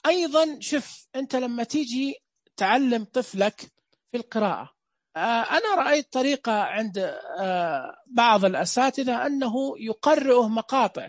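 A man giving a lecture on teaching children to read. He talks loudly and clearly and keeps asking and answering his own questions. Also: extremely high pitch, dry recording. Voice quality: loud and clear. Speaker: teacher trainer.

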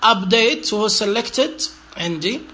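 High bright man explaining. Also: animated. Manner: thinking aloud, halting and explanatory. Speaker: presenter demonstrating a phone app with a screen reader. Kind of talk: casual tutorial walkthrough.

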